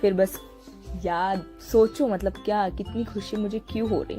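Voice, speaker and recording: A young woman from India narrating a relaxed voice-over of her day at home, chatty and often pausing to search for a word. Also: medium pitch, soft background music. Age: young adult. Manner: chatty, searching for words, frequent laughs. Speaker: vlogger. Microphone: small handheld mic.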